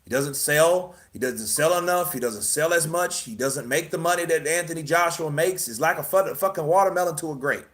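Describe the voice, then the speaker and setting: A man's voice: a little high, brisk, hardly any pauses, fairly bright tone. A man hosting casual boxing commentary, emphatic and profane, firing off rhetorical questions. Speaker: boxing news host.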